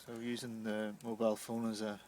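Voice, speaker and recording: A man's voice: fairly low pitch, completely flat delivery, brisk, darkish tone. A man in casual, unscripted conversation as a camper van vlogger. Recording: faint background noise.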